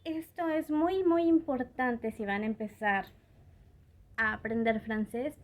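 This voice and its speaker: A woman teaching French pronunciation in a patient video lesson, often checking in with a quick question. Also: on the high side, a little mellow.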